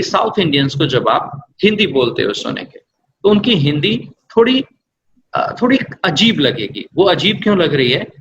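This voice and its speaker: Recorded roughly with a little background noise, this man has a fairly bright voice that sits on the high side. He's an English trainer giving explanatory interview answers, patiently using examples and blending English into his Hindi.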